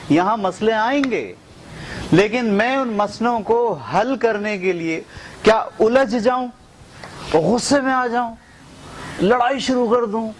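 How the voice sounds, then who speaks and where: A man's voice: high voice, slight background noise, poor audio. A middle-aged man teaching a motivational training session, asking rhetorical questions and acting out the voices he quotes. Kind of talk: motivational lecture.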